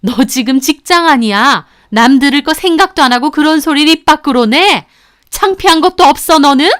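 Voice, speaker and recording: A woman's voice: high-pitched, lively intonation, normal speed, a bit bright, voice pushed up. A woman voicing a scornful middle-aged rich mother who shrieks and belittles. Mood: shrieking.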